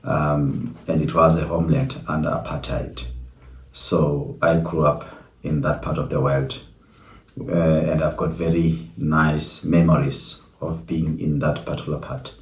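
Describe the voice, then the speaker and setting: Pausing frequently, a South African man shares reflective, earnest stories alone on his podcast. His voice is very deep and flat, and the room he records in is echoey.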